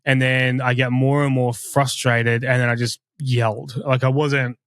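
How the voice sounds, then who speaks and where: A man's voice: mid-range voice, level tone, no room sound, studio quality. A man co-hosting a podcast, speaking candidly and earnestly with frequent restarts. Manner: earnest, confessional, halting with restarts. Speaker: podcast co-host. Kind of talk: candid conversational podcast talk.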